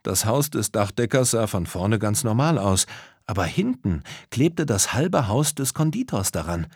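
A man narrating a children's audio story in a lively storytelling manner. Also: on the low side, measured pace, slightly rough, no room sound, clean studio sound.

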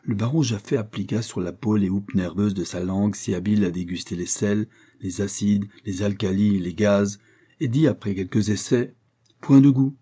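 A man narrates a classic novel in a measured, steady reading. His voice sits low and husky with a dark, mellow tone. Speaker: audiobook narrator. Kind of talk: literary audiobook narration.

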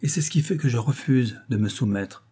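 A man's voice: mid-range voice, a little fast, warm tone, breathy edge, natural voice. A man voicing a proud, fiery young woman who defies her husband, speaking with heated defiance. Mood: defiant.

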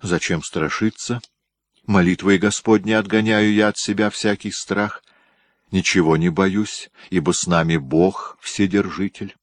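A man's voice: deep voice, fairly even intonation, a little slow, dry recording. Man voicing a timid, meek young prince. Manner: soft, pleading, deferential.

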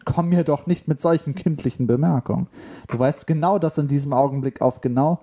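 Ein Mann leiht einem predigenden, singenden humanoiden Roboter die Stimme, der belehrend und pompös spricht. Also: male voice, a little high, fairly quick, warm tone. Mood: preachy. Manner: lecturing, pompous. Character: preachy singing male humanoid robot.

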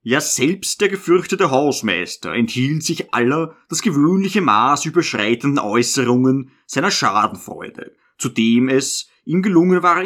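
A man narrating a literary audiobook in a measured, expressive way. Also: on the high side.

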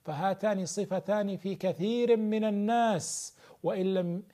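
A man's voice: sits high, steady tone, moderate pace, mellow. A man giving a religious television talk in formal standard Arabic, addressing viewers directly in a rhetorical way. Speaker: TV religious programme host and preacher.

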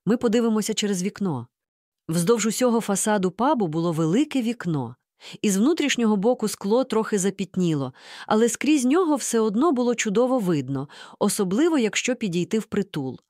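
A woman reading a story aloud in the first person, with lively, expressive narration into a close mic. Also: medium pitch, brisk, no echo. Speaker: audiobook reader.

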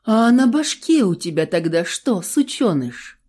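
A woman's voice: mid-range voice, sing-song, dark tone, husky, pitched above the performer's own voice. A woman doing a cold, menacing tough guy. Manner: slow, cold, threatening. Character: tough young man, menacing, blunt and coarse.

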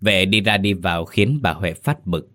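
A man with a deep, low voice reads a dramatic story aloud. His delivery is steady and even, in the manner of scripted narration. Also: normal speed.

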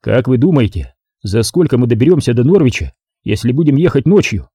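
A man's voice: mid-range voice, sing-song, brisk, mellow, no echo. A man reading an audiobook voices a tough, curt male getaway driver in close to his own voice. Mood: stern. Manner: curt, gruff.

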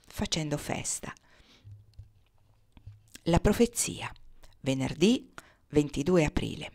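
A woman reading a novel aloud in an expressive, measured storytelling manner. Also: medium pitch. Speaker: reader.

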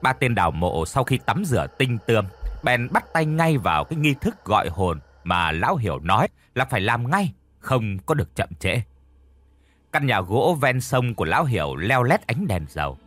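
A man's voice: mid-range voice, big pitch swings, moderate pace, fairly bright tone, no echo. A man narrating a horror story in a vivid, dramatic style.

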